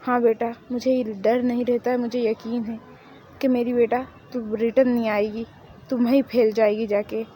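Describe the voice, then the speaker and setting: A woman's voice: fairly high pitch, little pitch movement, moderate pace, dark tone, slight background noise, lightly acted. A woman voicing a middle-aged father who pleads with his daughter. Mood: pleading.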